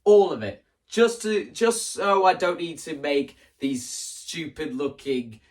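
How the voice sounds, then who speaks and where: A video creator with a slightly high voice records a casual explanatory vlog about staging a musical, speaking slowly and far from the mic. He's enthusiastic and rambling, often interrupting himself as he explains his ideas and acting out quoted lines.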